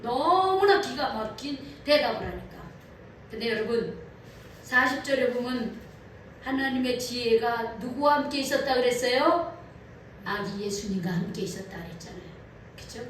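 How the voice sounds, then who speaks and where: A woman pastor preaching a sermon in a church, animated and asking her congregation questions. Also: on the high side, normal speed, slight background noise. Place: church sanctuary. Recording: echoey hall from far off.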